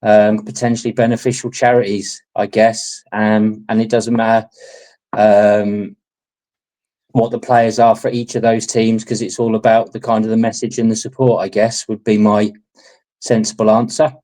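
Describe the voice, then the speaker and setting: A man chatting casually in a measured, diplomatic way. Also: on the low side, flat delivery, dark tone, rough recording. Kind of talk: casual chat.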